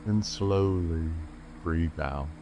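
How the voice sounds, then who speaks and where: A man leads a calm grounding meditation as a guide, speaking gently and unhurriedly with measured pauses. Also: deep voice, background noise. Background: rainforest sounds with insects, soft music.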